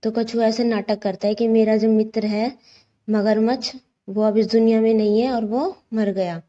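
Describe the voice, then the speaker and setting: Woman teacher: reads a children's story and glosses each word simply, with a mellow tone. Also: a little high, little pitch movement, normal speed, lo-fi sound. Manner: explains hard words with simple synonyms, asks rhetorical questions. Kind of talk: reading and explaining a children's textbook story.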